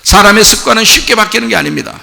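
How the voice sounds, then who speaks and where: Emphatic preaching man with a lively voice. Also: sits high, racing, gravelly, big-room sound. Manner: emphatic, rhetorical questions to the congregation, acts out quoted lines. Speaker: pastor. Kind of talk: sermon. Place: church sanctuary.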